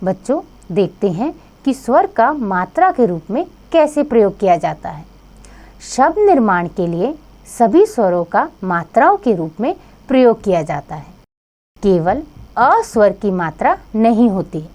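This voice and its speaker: A woman teaching a grammar lesson to children, addressing them directly and sounding out each letter slowly. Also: medium pitch, big pitch swings, a little mellow.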